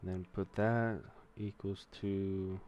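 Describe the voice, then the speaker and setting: Low-pitched and darkish, his voice stays level and slow, with slight background noise behind it. The young man, who has a Mexican-American accent, is learning to code on a stream, swearing, rambling, and thinking aloud as he types through exercises.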